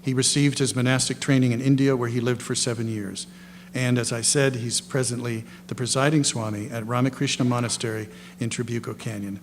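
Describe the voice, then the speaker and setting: A man's voice: medium pitch, level tone, fairly quick. A man hosting a lecture event, giving informal, partly read introductions in a rambling, self-correcting way with folksy asides. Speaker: lecture host introducing guest panelists. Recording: echoey hall, clear background noise and hum.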